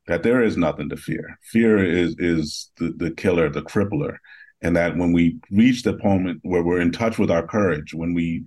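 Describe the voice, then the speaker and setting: A man's voice: deep voice, a little mellow. A man, an author answering interview questions in a reflective, emphatic way. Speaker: author and editor, guest.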